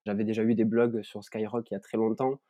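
A man in his twenties with a southern French accent, talking as a podcast guest. His voice is warm and mellow, recorded close and dry. He reflects on his experiences at an unhurried pace, often pausing and restarting. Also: lowish voice, little pitch movement, no echo. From southern France, Ariège. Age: 20s. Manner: thoughtful, many fillers and restarts. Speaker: guest, content creator. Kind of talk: reflective conversational storytelling. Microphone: remote recording.

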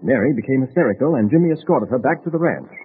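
A man's voice: mid-range voice, lively intonation, quick pace. A man narrating an old radio show serial in a suspenseful, theatrical 1940s style, heard on a dull vintage transcription with faint hiss. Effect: old radio show broadcast.

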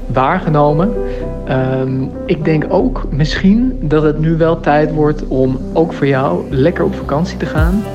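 A man, a podcast co-host, leaving a relaxed, dryly teasing voicemail message for his co-host. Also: on the high side. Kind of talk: casual chat. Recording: dull lo-fi voicemail audio.

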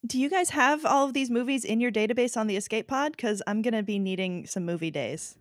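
A woman's voice: fairly high pitch, brisk, no echo, studio quality. A woman co-hosting a comedy trivia podcast, earnest and mock-dramatic. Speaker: podcast co-host. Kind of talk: playful comedic banter.

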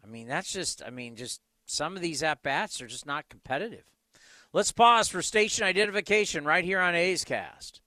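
Male sports talk host, slightly high and sharp voice, conversational and blunt, very dry studio sound. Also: animated, normal speed, no room sound. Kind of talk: casual sports talk, commentary.

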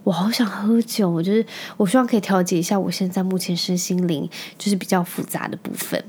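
A woman's voice: on the low side, fairly even intonation, fast talker, a little mellow, breathy edge. A woman, a podcast host and mother telling a story in a chatty, venting way and dropping in English words. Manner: chatty, vents angrily, drops in English words. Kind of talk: casual storytelling monologue.

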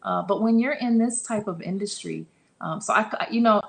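A woman's voice: medium pitch, normal speed, creaky, poor audio. A woman answering interview questions about her publishing business, earnest and encouraging, often restarting her sentences. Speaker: guest, publishing company leader.

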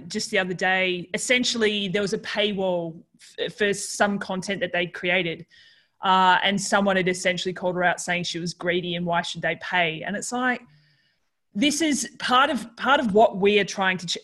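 A woman's voice: mid-range voice, a bit bright. A woman hosting a podcast in casual conversation, chatty and full of fillers and restarts. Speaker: podcast host.

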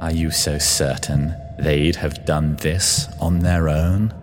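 A man reading the lines of a haunting, accusing female clone in a spoken verse story, in a quiet, measured way. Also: extremely low pitch, flat delivery, big-room sound, over music. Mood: doubting.

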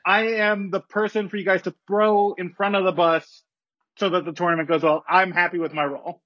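A man's voice: sits high, level tone, brisk, a bit bright, no echo, highs cut off. A man speaking as a guest tournament commissioner on a video call, moving between mock-formal statements and casual chat. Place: tiled hallway at home, video call.

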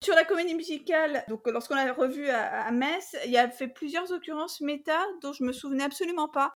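A woman co-hosting a casual podcast about musicals, hesitant with many fillers and quick to laugh. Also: sits high. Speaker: podcast co-host.

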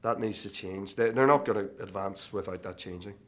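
A man's voice: sits low, fairly quick. A man in his thirties with a Northern Irish accent, a guest speaking casually in an interview with many fillers and restarts. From Northern Ireland. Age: 30s. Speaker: actor guest.

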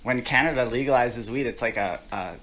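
A podcast co-host in casual chat, opinionated and relaxed, with jokey asides. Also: medium pitch, a little fast.

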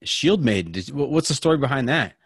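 A man's voice: medium pitch, expressive, brisk, slightly rough, dry recording, clean studio sound. A man hosting a podcast interview. He asks curious follow-up questions. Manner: curious, prompting follow-ups. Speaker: podcast host.

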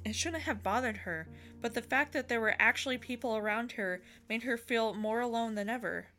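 Bright-voiced woman reading a story aloud. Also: fairly high pitch, moderate pace. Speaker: reader narrating a story. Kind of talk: story read-aloud with casual asides. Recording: music under the voice.

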